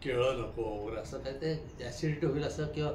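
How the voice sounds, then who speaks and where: A man's voice: medium pitch, normal speed. An older man in a comic sketch, answering his wife meekly. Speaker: husband. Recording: echoey room, distant mic, clear noise.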